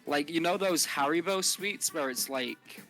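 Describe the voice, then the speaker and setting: British tabletop player, sweary casual improv chat, bright voice, faint music. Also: medium pitch, a little slow, low-quality recording. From United Kingdom.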